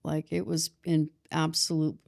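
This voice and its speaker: A middle-aged woman, a podcast guest and author, telling a painful personal story in a halting way, often restarting and getting emotional. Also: deep voice, monotone, creaky, darkish tone.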